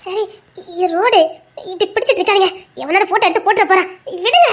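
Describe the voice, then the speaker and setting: A woman's voice: very high-pitched, fast, fairly bright tone. A woman with a Tirunelveli Tamil accent playing a dutiful young policewoman and mother who pleads and protests in a comedy skit. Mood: protesting.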